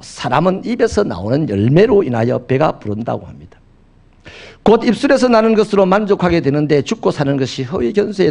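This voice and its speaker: A middle-aged male pastor, preaching a sermon with animated storytelling. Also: a little high, gravelly, slightly rough. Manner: animated storytelling with acted quotes.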